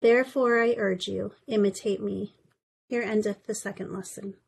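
Female lay reader, formal measured scripture delivery, medium pitch. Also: fairly even intonation, vocal fry, a little hiss or hum. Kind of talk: scripture reading in a church service.

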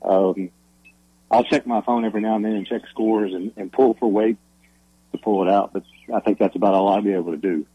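A man calling in to a radio sports show over a phone line, giving his opinions in a thoughtful, halting way. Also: fairly low pitch, fairly even intonation, husky, no echo. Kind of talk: casual sports talk call-in. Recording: muffled dry phone-line audio.

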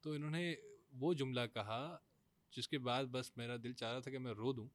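A man's voice: medium pitch, steady tone, no echo. A man, a scriptwriter guest who talks hesitantly and often restarts his phrases. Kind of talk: casual studio conversation.

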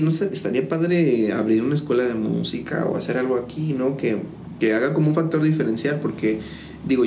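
Rambling man in an echoey room. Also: medium pitch. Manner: rambling, many fillers and restarts. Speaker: music school founder, guest. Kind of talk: casual interview chat. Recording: echoey room with faint noise.

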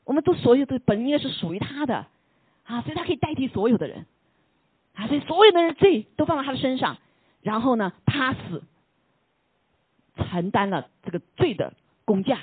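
A preacher giving a casual sermon, asking the listeners questions, dropping English words into the talk and tagging lines with a soft "ha". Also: medium pitch, big pitch swings, moderate pace, pauses often, husky, no echo. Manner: asks the listeners rhetorical questions; mixes English words into Chinese speech. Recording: tinny phone-like line, dry.

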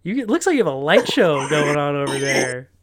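A man's voice: a little high, big pitch swings, fairly quick, noisy background. Male podcast co-host, casual rambling movie recapper, heavy on fillers. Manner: rambling scene-by-scene retelling with fillers.

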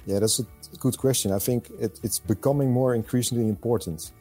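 A middle-aged man from the Netherlands with a Dutch accent, answering interview questions in a measured way with frequent hesitations. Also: mid-range voice, warm tone, faint music behind. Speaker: podcast guest, fund selector.

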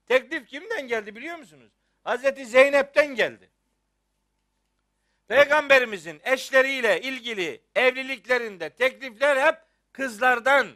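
A man's voice: very high voice, pushed and bright, no echo, clean studio sound. A middle-aged man from Rize in Turkey, a Quran teacher giving a religious lecture, scolding with rhetorical questions and teasing humor.

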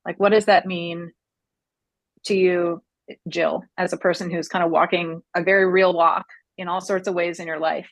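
A woman co-hosting a podcast who asks questions thoughtfully and gently. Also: on the low side, little pitch movement, moderate pace, no echo. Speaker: podcast co-host. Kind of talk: conversational podcast interview.

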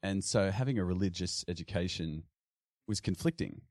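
Australian male guest, very low voice, dry close sound, hesitant and chatty with many restarts. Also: normal speed, darkish tone, no room sound. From Sydney, Australia. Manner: hesitant, many restarts and fillers, frequent laughs. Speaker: podcast guest. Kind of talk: casual interview chat.

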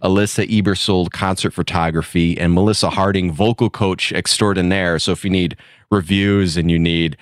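A low-voiced man in radio host mode, running through shout-outs to his supporters with upbeat energy. The sound is dry and close, with no room around it. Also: fairly even intonation, moderate pace, dry recording. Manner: upbeat host plugging sponsors and the show.

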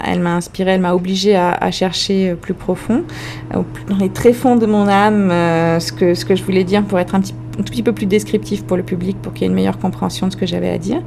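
A woman from France with a French accent, a comedian answering interview questions in a reflective way, often pausing to search for her words. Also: medium pitch, gravelly, warm tone, slight background noise. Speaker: comedian guest.

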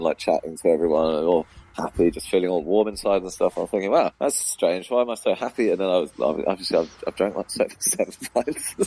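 A comedy club promoter and compere, whose voice sits low and darkish, is a guest for a casual chat in a radio studio, captured on a rough recording. He rambles, laughs a lot, and fills pauses with ums.

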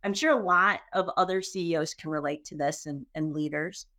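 A woman hosting an interview, affirming her guest and posing questions in a lively way. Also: low-pitched, brisk.

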